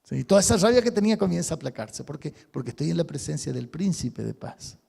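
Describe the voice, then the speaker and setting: A male pastor giving an animated sermon, acting out sample prayers and checking in with the congregation. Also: fairly high pitch, quick pace, gravelly, slightly rough. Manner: animated, acts out sample prayers, asks "¿sí?" often. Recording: reverberant hall.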